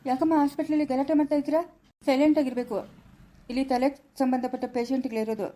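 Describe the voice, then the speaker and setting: A woman playing a brisk hospital nurse in an amateur family skit, giving curt, scolding instructions. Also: high-pitched, little pitch movement, mellow, lightly acted.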